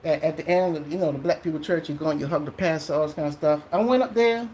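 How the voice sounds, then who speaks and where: A vlogger from a Trinidadian family in the US tells a personal story in a casual monologue, animated and profane, often acting out what people said. His voice is a little high and fast, with slight background noise.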